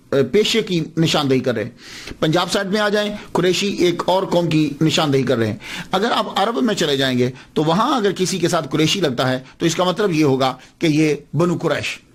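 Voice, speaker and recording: A man giving a patient, explanatory religious lecture, repeating words to stress how they are said. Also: on the high side.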